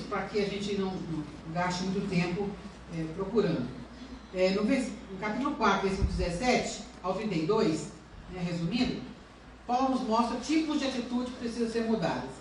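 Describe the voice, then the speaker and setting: A woman's voice: mid-range voice, brisk, heavy reverb, a little hiss or hum. A woman pastor giving an earnest sermon and asking her congregation questions, recorded from a distance in a church. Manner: earnest preaching with rhetorical questions.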